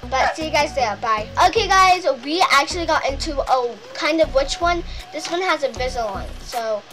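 A young girl with a high voice chats through a gaming vlog, nervous and repetitive as she plays. Game music runs clearly underneath her. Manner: chatty, nervous, repeats herself. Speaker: channel host.

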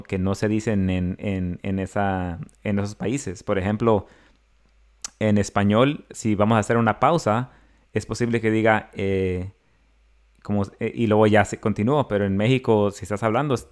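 A man's voice: on the low side, fairly even intonation, normal speed, clean tone. A man in his thirties, podcast co-host, telling a story in casual chat with many restarts. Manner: storytelling, acts out quoted voices, many restarts.

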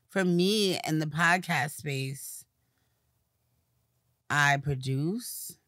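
A woman's voice: low-pitched, no room sound. Brief: woman guest, light lisp, easygoing interview chat, dry close sound. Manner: relaxed, conversational, fillers like "you know". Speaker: guest, publicist. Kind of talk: casual interview conversation.

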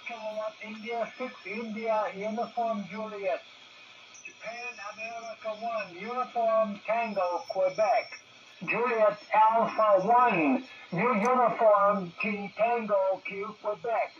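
A man's voice: sits high, steady tone, takes it slowly. A man on a ham radio contact, heard through a shortwave receiver, spelling call signs in the phonetic alphabet. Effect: heard over a shortwave radio receiver. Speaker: amateur radio operator. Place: station near Tokyo. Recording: muffled, noisy radio signal.

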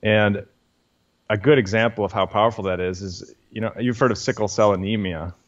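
Low-voiced man explaining science patiently. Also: fairly even intonation, fairly quick, highs cut off. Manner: explains patiently with frequent fillers. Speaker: guest scientist. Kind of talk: explanatory interview talk.

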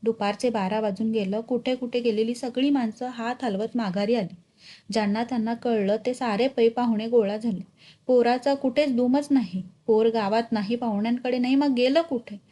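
A woman's voice: a little high, dark tone. A woman reading a short story aloud, narrating expressively and putting village dialect into the telling.

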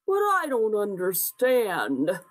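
Woman reading a big gentle bear. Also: medium pitch, huge pitch swings, takes it slowly, heavily acted.

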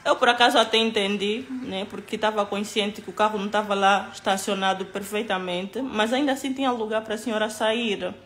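A woman's voice: mid-range voice, steady tone, a little fast, few pauses, a bit bright. A woman recounting an incident to camera in casual storytelling, emphatic and hesitant, with many asides.

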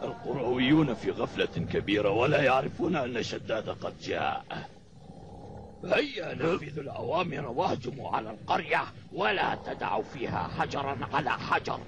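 A man voicing a fearsome, boastful pirate ship captain in a cartoon, gravelly and commanding, with theatrical menace. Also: medium pitch, expressive, moderate pace, natural voice. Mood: gleefully ruthless. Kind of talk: cartoon voice acting. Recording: noisy old cartoon soundtrack.

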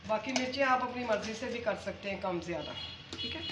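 A woman's voice: fairly high pitch, lively intonation, brisk, noisy background. A woman from Punjab, the host's mother, demonstrating a home recipe step by step and often checking in with "theek hai". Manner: explains step by step, keeps adding "theek hai" and "haan ji". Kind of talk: homely cooking demonstration.

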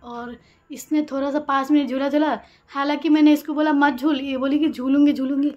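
The recording is muffled, yet household ambience is still clearly heard as a woman chats and rambles into her phone held at arm's length. A housewife vlogger in her small home's rooms, kitchen and balcony, she speaks fairly quickly in a high, steady voice with a darkish tone.

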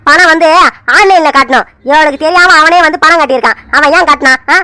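A woman's voice: high-pitched, fast talker, pushed and bright, no room sound. A woman voicing an angry, stubborn old grandfather in a cartoon serial who scolds and barks demands. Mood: scolding. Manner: scolding, keeps barking "ah?" demands.

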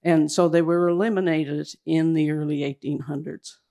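A man giving a slide presentation at a public event indoors, talking in a hurried, halting way that keeps restarting its phrases. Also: a little high, fairly even intonation, vocal fry, mellow. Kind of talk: slide presentation to a live audience.

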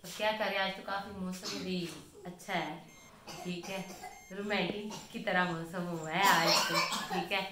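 A woman's voice: fairly low pitch, steady tone, measured pace, heavy background noise. A woman from Pakistan filming a casual home vlog on her phone, rambling to viewers in one breath and saying "theek hai" again and again. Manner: chatty, says "theek hai" constantly. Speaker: vlogger. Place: home, in and out of doors. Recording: echoey room with faint ambience.

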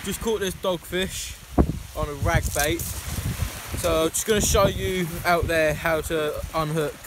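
A young male angler chatting in a relaxed, slightly halting way about his catch on a beach at night. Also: on the high side. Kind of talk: casual fishing vlog commentary. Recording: noisy windy beach at night.

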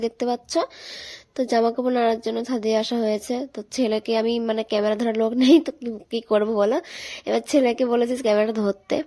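A young woman with a hoarse, cracking voice, chatting casually and rambling as she narrates her home vlog. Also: a little high, warm tone. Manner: chatty, rambling, many fillers. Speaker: vlogger. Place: voice-over recorded later at home.

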